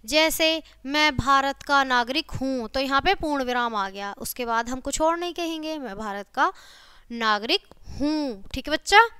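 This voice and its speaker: A woman's voice: sits high, normal speed, few pauses, sharp tone, no echo. A woman teacher giving a grammar lesson to children, checking in with her students often and repeating key phrases.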